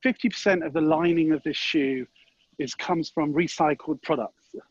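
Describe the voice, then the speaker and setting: A man's voice: on the high side, moderate pace, slightly rough, dry recording, muffled recording. A man being interviewed, talking in a thoughtful way, often restarting and weighing both sides. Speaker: guest. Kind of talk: interview conversation.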